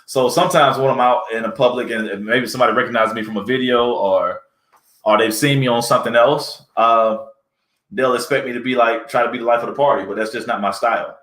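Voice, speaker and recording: Male comedic actor, interview guest; relaxed, anecdotal, echo in the room. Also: mid-range voice, fairly quick. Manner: relaxed storyteller, acts out quoted people. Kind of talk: casual interview chat. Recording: roomy echo.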